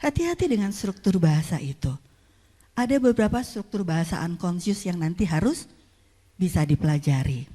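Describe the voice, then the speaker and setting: A woman giving a conference talk, lively, quizzing the audience and mixing in English phrases. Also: lowish voice, fairly quick. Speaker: keynote speaker. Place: conference hall. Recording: reverberant conference hall.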